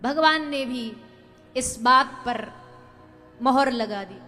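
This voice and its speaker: A young woman telling a devotional scripture story as a preacher, dramatic, swelling loud for emphasis and chanting verses. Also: high voice, slow, long reverb tail, soft background music.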